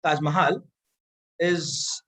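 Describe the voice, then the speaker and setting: This is a woman with an Indian accent, teaching a vocabulary lesson at an unhurried pace. She switches between Hindi and English, stresses and repeats key words, and keeps asking her students questions. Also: sits low, steady tone, poor audio.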